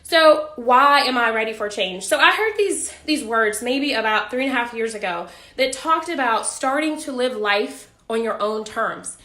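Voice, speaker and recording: This is a woman doctor's casual livestream from her home office, picked up by a phone or webcam in an echoey room. Her voice sits high with a bright, forceful tone. Warm and a little out of breath, she greets viewers cheerfully and laughs often.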